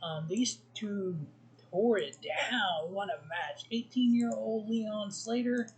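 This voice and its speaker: A man's voice: sits high, takes it slowly, poor audio. A man hosting a wrestling review show, giving blunt opinions in a casual solo talk full of ums and restarts.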